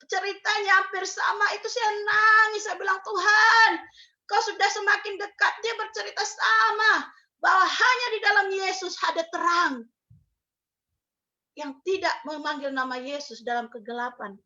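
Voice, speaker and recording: A woman's voice: extremely high pitch, steady tone, moderate pace, sharp tone, lo-fi sound. A middle-aged woman preacher giving an emphatic sermon, asking rhetorical questions and mixing in English phrases.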